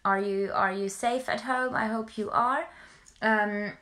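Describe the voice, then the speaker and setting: A woman's voice: medium pitch, fairly even intonation, unhurried, sharp tone. A young adult woman from Finland chatting casually on a livestream, hesitant and often repeating her words as she goes. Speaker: musical performer livestreaming to followers. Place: small bedroom at home, indoors. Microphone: phone or webcam at arm's length.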